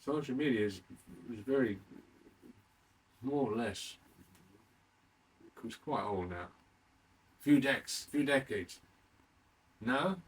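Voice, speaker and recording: A man in his late thirties rambles through a solo podcast with no script, haltingly repeating and rephrasing himself and posing questions to the listener. His voice is mid-range, picked up by a distant mic with faint background noise.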